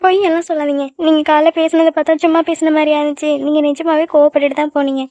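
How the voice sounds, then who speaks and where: A woman's voice: high-pitched, little pitch movement, rapid-fire, warm tone, no echo, close to an everyday voice. A woman voicing a young college girl in love in a cartoon, pleading and teary with her sweetheart. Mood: pleading tearful. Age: young adult. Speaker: voice actor. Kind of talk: cartoon love-story dialogue. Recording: dull lo-fi dry recording.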